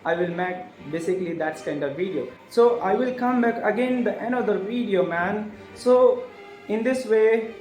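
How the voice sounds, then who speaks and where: A man talking earnestly in a halting vlog monologue, often restarting his phrases. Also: high-pitched, a little mellow. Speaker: vlogger. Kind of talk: casual motivational monologue. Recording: echoey room with faint music behind.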